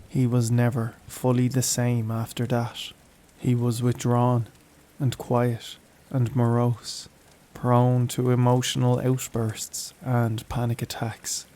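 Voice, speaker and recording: Male horror narrator, somber scripted reading, slow pace, flat delivery. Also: medium pitch.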